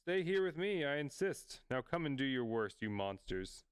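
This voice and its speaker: A man's voice: medium pitch, big pitch swings, normal speed, smooth, no echo, studio quality, lightly acted. A man voicing a defiant male pirate captain who taunts the monsters facing him.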